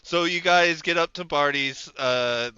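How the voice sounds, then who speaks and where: A man narrating as dungeon master, animated and laughing often. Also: on the high side, measured pace, clear, resonant tone, highs cut off. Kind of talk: narrating a tabletop game.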